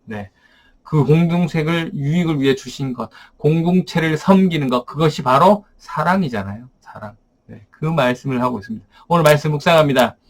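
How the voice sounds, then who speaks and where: A man's voice: on the high side, fairly quick. A man teaching as a pastor, explaining Bible verses in a daily study, asking rhetorical questions and often saying "ne".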